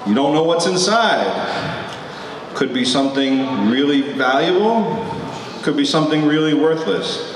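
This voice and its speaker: A man's voice: a little high, expressive, measured pace. Male auctioneer in a big echoey hall. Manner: auctioneer calling bids and counting down. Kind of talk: live auction calling, informal and joking. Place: large echoey hall at a convention. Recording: echoey hall, far from mic, loud crowd. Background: loud crowd.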